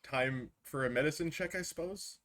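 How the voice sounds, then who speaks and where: A man's voice: a little high, moderate pace, a bit bright, a little hiss or hum. Earnest man thinking aloud at the table. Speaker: player. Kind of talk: casual tabletop game chat.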